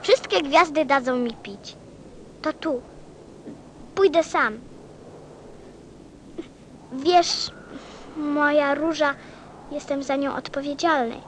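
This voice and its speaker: An actress playing a gentle, wistful little boy from a star in a radio play, speaking tenderly. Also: sits high, takes it slowly, pauses often, slight background noise. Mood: sad, subdued.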